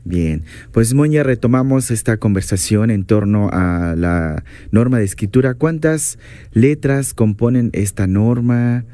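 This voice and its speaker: Very deep-voiced woman radio host. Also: expressive, a little slow, dark tone, no echo. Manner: attentive, repeats the guest's words. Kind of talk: radio interview.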